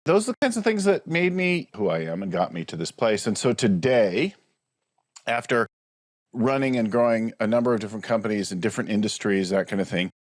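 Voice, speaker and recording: This is a man in his forties, a business coach telling his story over a video call. His voice sits a little low and sounds close and dry, with no room around it. He talks reflectively and keeps asking "right?" to check the listener is with him. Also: lively intonation, a little fast, no room sound. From United States. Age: 40s. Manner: reflective, frequent tag "right?".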